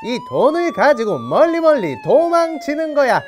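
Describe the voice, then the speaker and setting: A man's voice: high voice, a little mellow, a little hiss or hum. A man voicing a boastful, gleeful robber in toy play for children, with theatrical villain bragging.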